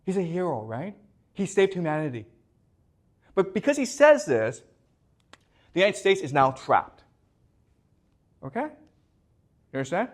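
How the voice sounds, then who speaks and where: A man's voice: high-pitched, very animated, a little slow, long pauses. A man lecturing a class as a professor, often repeating words and constantly checking that the students understand.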